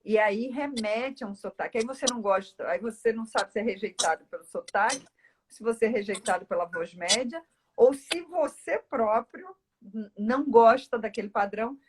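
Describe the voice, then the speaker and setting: A speech therapist from Northeast Brazil, speaking with a Brazilian accent, talks at length as an interview guest in a casual, explanatory way. Her voice is a little high at normal speed, with a noisy background.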